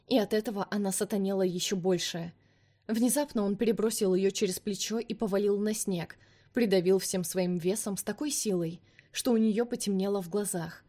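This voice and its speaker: A woman narrating an audiobook in a steady, dramatic reading. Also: medium pitch. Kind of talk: expressive scripted narration.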